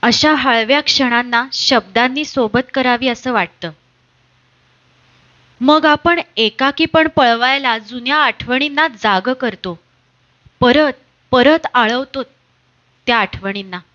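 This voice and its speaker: A woman giving an expressive literary reading on stage, lingering over repeated refrains. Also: sits high, dull audio. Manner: slow, lingering, refrain-like delivery. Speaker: reader at a literary stage program.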